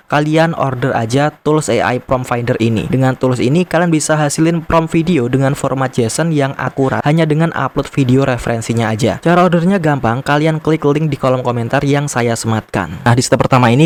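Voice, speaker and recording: A man narrating a casual step-by-step screen tutorial, speaking informally and directly to viewers. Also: medium pitch. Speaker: tutorial host.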